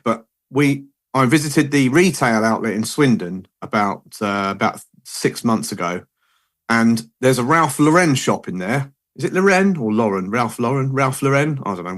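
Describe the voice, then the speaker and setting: A man chatting on a podcast, his voice sitting in an ordinary middle register. He wanders through long, chatty anecdotes in a relaxed, conversational way. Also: medium pitch, moderate pace. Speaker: podcast host. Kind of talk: casual chat.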